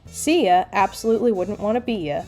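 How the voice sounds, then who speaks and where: A young woman giving casual, chatty gameplay commentary, full of "like" and quick asides. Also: medium pitch, over music. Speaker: gaming YouTuber.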